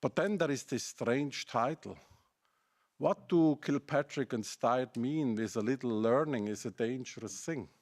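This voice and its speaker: A middle-aged academic with a German accent presents a seminar, arguing his case through pointed rhetorical questions. His voice is mid-range and his pace measured.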